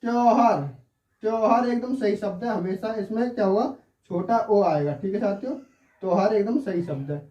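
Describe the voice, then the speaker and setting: A man's voice: sits high, moderate pace, dark tone, highs cut off. Man teaching spelling in a roomy echo. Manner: explains word by word, keeps checking in with listeners. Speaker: Hindi grammar teacher. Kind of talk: online spelling lesson. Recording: roomy sound, mic at a distance.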